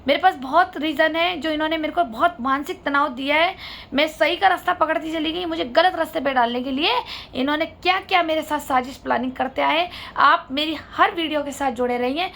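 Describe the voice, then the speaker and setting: A woman's voice: high voice, a little fast, creaky, a bit bright. A woman vlogger telling her own family story to viewers, indignant and asking them to judge. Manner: indignant, appeals to viewers for their judgment.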